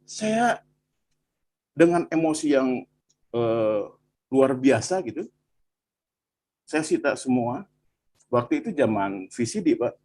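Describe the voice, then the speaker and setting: Husky-voiced man from Bandung, animated testimony, mid-pitched, talks to the listener directly. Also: unhurried, long pauses. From Bandung, Indonesia. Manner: animated storytelling, frequent "Pak" and "gitu". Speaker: guest telling his testimony. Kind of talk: personal testimony in conversation.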